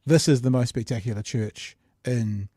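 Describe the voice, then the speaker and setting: A man's voice: medium pitch, normal speed, warm tone, slightly rough, dry recording, studio quality. A middle-aged man with a New Zealand accent hosting a casual podcast, chatting in a jokey, rambling, slangy way. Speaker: podcast host. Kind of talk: casual live chat show.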